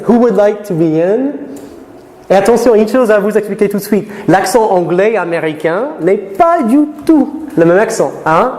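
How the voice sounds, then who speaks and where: A man from Florida lecturing students in a lecture room, lively, and slowing to careful English for learners. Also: high-pitched. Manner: lively, switches to slow deliberate English for learners. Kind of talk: classroom talk to students. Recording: reverberant hall with faint noise.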